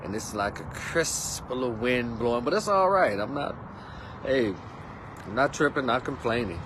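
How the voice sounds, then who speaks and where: A man's voice: mid-range voice, animated, moderate pace. Texan man, 50s, vlog host, easygoing rambling chat, outdoors with a light hiss of wind and traffic. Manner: chatty and rambling, laid-back slang. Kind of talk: casual monologue. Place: outdoors on a windy day.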